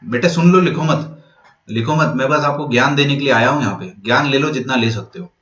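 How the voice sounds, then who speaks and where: A man's voice: mid-range voice, a little fast. A young man teaching maths for entrance exams, who keeps asking questions and then answering them himself, and who mixes English phrases into his Hindi. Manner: lively, asks and answers his own questions. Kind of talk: exam-prep lecture. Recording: echoey room, dull lo-fi sound.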